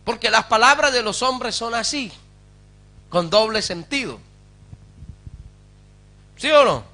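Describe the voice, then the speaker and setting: A man's voice: high-pitched, sharp tone. A man, a pastor, preaching a sermon with fervour, calling out to his congregation for responses and asking rhetorical questions.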